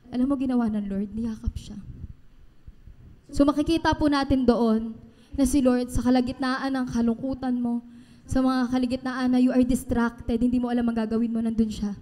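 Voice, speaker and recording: A woman's voice: on the high side, fairly even intonation, normal speed, warm tone, a little hiss or hum. A woman with a Filipino accent preaching a sermon, mixing Tagalog and English and repeating key phrases with emphasis. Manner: mixes Tagalog and English, calls listeners "kapatid". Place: church hall. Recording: reverberant church hall.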